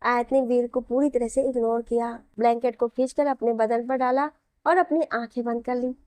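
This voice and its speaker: A woman reading a romantic audio story aloud in an even storytelling manner. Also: a little high, moderate pace, clean tone, no room sound. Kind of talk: scripted narration of a romance story.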